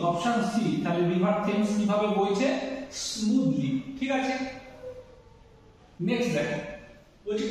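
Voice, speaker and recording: A man teaching an exam-prep English lesson, reading each question slowly and often checking that his students follow. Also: high voice. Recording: echoey room, distant mic.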